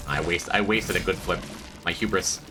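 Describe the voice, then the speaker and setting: At a normal speed over music, a man chats casually to his stream while gaming. He sounds stuffed-up, rambles, teases himself, and cracks high, squeaky jokes.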